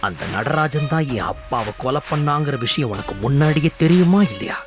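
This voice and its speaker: An actor playing a vengeful, hot-tempered young man in a TV serial who shouts, threatens and chokes up. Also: a little high, expressive, fairly quick, natural voice. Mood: menacing interrogation. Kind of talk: TV serial acting. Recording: loud background music score.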